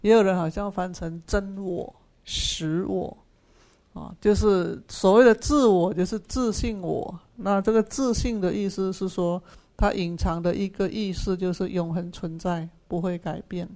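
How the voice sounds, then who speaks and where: Patient sutra lecturer, mid-pitched and unhurried; repeats key phrases and works through Pali terms for a class. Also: fairly even intonation, mellow. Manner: patient explaining of Pali terms, asks and answers own questions. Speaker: Buddhist sutra teacher. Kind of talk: explanatory dharma class lecture.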